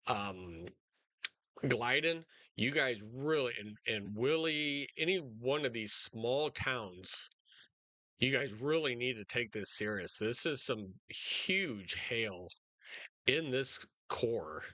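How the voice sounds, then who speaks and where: A man hosting live storm coverage in a casual, unscripted, halting way, speaking directly to his viewers. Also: medium pitch, animated, bright, forceful tone, no echo. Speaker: storm-coverage livestream host.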